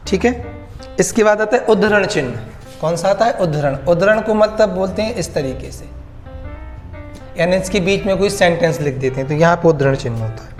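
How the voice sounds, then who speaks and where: A man teaching a grammar lesson to students, repeating key words back as questions. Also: sits high. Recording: echoey room with faint music.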